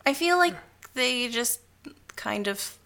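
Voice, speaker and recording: A woman's voice: a little high, expressive, slow pace, vocal fry, sharp tone. A woman co-hosting a casual chat, playful and wry with her remarks.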